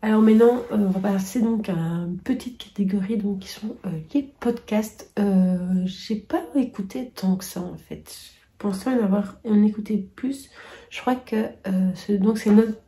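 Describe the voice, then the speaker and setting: A woman's voice: mid-range voice, normal speed, dark tone. A middle-aged woman chatting casually to camera about her favourites, hesitant and full of fillers, often trailing off into near-whispers. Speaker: booktuber sharing yearly favourites.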